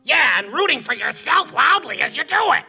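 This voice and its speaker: A man voicing a werewolf stage manager in a comedy horror-host sketch, speaking in a deadpan, formal, lecturing way with a gravelly voice. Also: very high voice, normal speed, soft background music, exaggerated voice.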